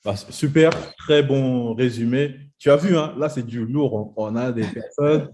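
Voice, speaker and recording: A man's voice: mid-range voice, measured pace, a little hiss or hum. A man hosting a casual interview who jokes and laughs often. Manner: relaxed, joking, laughs often. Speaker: interview host.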